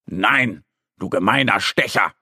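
A man's voice: fairly low pitch, takes it slowly, sharp tone, husky, no room sound, clean studio sound, heavily acted. A man voicing a small, whiny young bear cub in a children's story. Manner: whiny, complaining.

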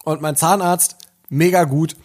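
A man's voice: fairly high pitch, steady tone. Upbeat man telling stories. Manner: upbeat storyteller, quick to laugh. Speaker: podcast co-host. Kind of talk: casual podcast chat.

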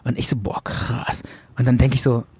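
A young man co-hosting a podcast, telling a dream story in an animated way and acting out the people in it. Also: mid-range voice, rapid-fire, slightly rough. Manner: animated storyteller, acts out quoted voices, many restarts. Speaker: podcast co-host. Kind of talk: casual chat, telling a dream.

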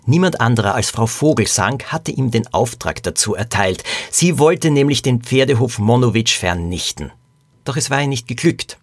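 Husky male author-narrator, calm story read, dry close sound. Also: mid-range voice, no echo.

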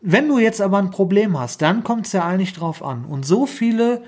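A man's voice: high-pitched, fairly quick. A man co-hosting a casual podcast chat, telling stories animatedly and acting out both sides of a phone call. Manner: animated storyteller, acts out phone dialogue. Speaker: podcast co-host.

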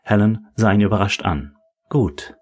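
A man narrating an audiobook in a calm, even reading. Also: low voice, normal speed, slightly rough. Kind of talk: scripted narration.

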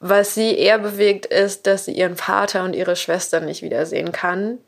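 Excited, chatty woman host. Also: mid-range voice, moderate pace, creaky. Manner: excited, chatty, full of rhetorical questions. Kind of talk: casual commentary on a film dub.

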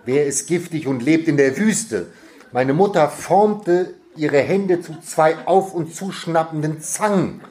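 A man reading a humorous first-person story aloud, lively and amused, often laughing as he reads. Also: fairly high pitch, slow. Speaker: reader.

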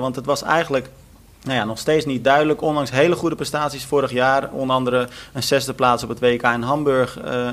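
A man's voice: on the high side, fairly bright tone. A man hosting a podcast interview, talking in a chatty, enthusiastic way that often trips over his own words. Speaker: podcast host.

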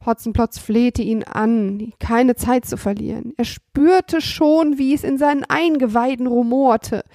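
A woman narrating a children's storybook aloud in a lively, expressive way. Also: a little high, a little slow, dry recording, clean studio sound.

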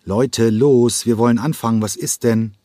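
A man reading an audiobook and voicing a hot-tempered male ballet choreographer who yells in fury. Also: expressive, normal speed, husky, dry recording, studio quality. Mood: stern. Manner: yelling in fury, rising high. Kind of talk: audiobook character voice.

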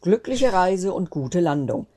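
A woman reading a storybook aloud and voicing an old grandfather weather spirit who briskly calls out boarding announcements. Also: fairly low pitch, sing-song, warm tone, voice pushed up. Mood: bustling.

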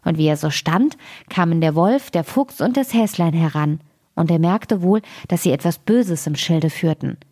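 A woman reads a fairy tale aloud for a radio station's podcast. Her voice is lowish, and she keeps a calm, even storytelling pace. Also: normal speed.

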